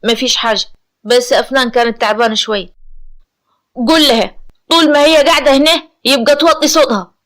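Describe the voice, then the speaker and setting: Brief: a woman voicing a young Egyptian man, brisk and plain, high voice. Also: fairly even intonation, fairly bright tone, close to an everyday voice. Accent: Egyptian Arabic.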